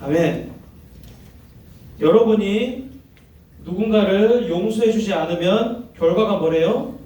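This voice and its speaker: A man's voice: high voice, slow, warm tone, far from the mic, slight background noise. A man preaching to young people, often asking them questions and acting out the voices in the story he tells. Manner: asks the audience questions, acts out quoted voices. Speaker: youth pastor. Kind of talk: interactive sermon to teens. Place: church hall. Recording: very echoey hall, heard from afar.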